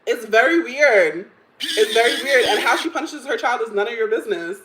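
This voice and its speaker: A woman's voice: on the high side, animated, moderate pace, reverberant, background noise. Chatty opinionated woman in her thirties. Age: 30s. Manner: chatty, opinionated, laughs often, many "like" fillers. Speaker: livestream host. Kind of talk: casual chat reacting to stories and chat comments.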